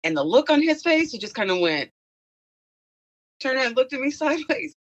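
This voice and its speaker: Lively woman telling stories. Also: sits high, a little fast, highs cut off. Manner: animated storyteller who laughs easily. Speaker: guest, former school principal. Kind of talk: casual conversation.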